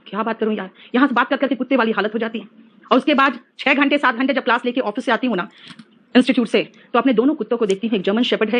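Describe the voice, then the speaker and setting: Brief: middle-aged woman teacher, high-pitched, playful and scolding, lecturing a class. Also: muffled recording. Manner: lively, teasing, mixes English phrases into talk. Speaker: English teacher.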